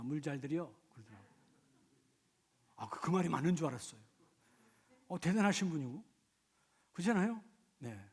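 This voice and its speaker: A middle-aged male pastor from Gyeongsang, South Korea, preaching a sermon in a church that moves from quiet storytelling to loud, fervent preaching. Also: fairly high pitch, slightly rough. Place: church sanctuary.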